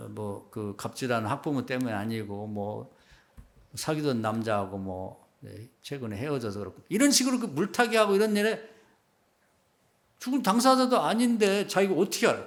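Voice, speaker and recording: A middle-aged man preaching a sermon as pastor, in a conversational style that rises to loud emphatic peaks and drops to quiet asides. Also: gravelly. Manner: conversational preaching, acts out quoted remarks in a low hushed voice.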